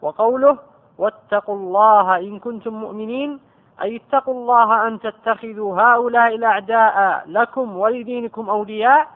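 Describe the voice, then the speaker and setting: High-voiced man reading a text aloud. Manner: measured, careful recitation. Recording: tinny phone-like lo-fi recording.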